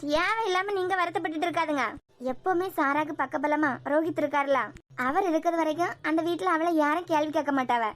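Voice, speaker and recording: A woman plays a sensible middle-aged mother in a cartoon, with a Kanyakumari Tamil accent. Her voice is fairly high and brisk. She sounds matter-of-fact and soothing. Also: a bit bright. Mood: confiding. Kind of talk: cartoon web series voicing.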